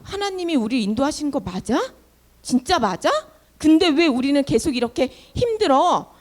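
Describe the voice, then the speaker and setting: A woman voicing angry wandering people shouting complaints at their leader during a children's sermon. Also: sits high, sing-song, moderate pace.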